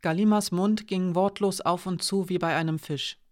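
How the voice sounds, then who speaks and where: An audiobook narrator reading a fantasy novel in an even, measured storytelling voice. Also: medium pitch.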